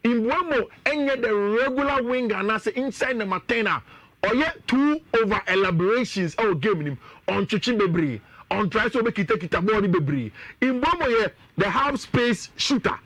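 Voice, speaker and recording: A man with a Ghanaian accent, a sports pundit giving energetic, analytical talk on a radio show and mixing in local phrases. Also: sits high, normal speed, no room sound.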